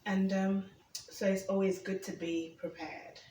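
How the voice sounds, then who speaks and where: Here a Ugandan cooking vlogger speaks in a mid-range, mellow voice, with flat delivery and a slightly slow pace. She chats casually as she preps food at home, often checking in with "okay?". The audio is roomy and distant, picked up by a camera mic, with faint ambience and a little hiss or hum.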